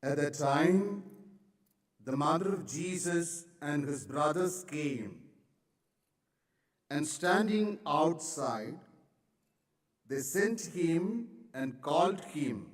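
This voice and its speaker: A man serving as priest, reading the Gospel in a measured, half-chanted way, with cathedral echo. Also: a little high, expressive. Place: large church. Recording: echoey cathedral, distant mic.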